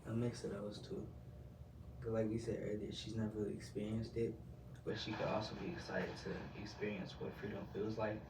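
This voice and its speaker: Low flat-voiced man in a class discussion. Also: a little fast. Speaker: student. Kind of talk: casual class book discussion. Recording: echoey room, far from the mic, noisy.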